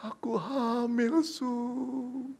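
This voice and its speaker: A man voicing a frightened, timid teenage girl in a told Bible story, who pleads softly. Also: very high voice, lively intonation, takes it slowly, gravelly, voice pushed up, heavily acted.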